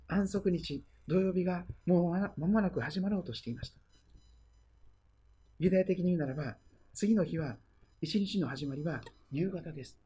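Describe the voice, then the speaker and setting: Husky-voiced pastor preaching softly. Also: medium pitch. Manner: storytelling, trailing into a hush at phrase ends. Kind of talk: sermon.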